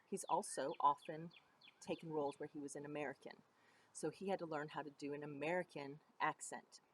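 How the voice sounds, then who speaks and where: A woman's voice: low-pitched, slight background noise, rough recording. A middle-aged woman teaching a drama lesson in a chatty, explanatory way, with frequent ums and asides. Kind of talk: recorded online lesson.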